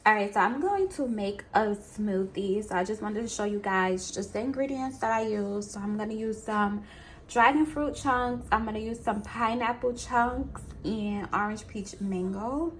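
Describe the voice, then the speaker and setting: A woman's voice: mid-range voice, normal speed. A young American woman chatting informally as she narrates chores and cooking for a home vlog. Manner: informal, conversational. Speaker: home vlogger. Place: indoors at home, kitchen. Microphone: handheld camera. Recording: clear household noise behind voice. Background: household appliance noise.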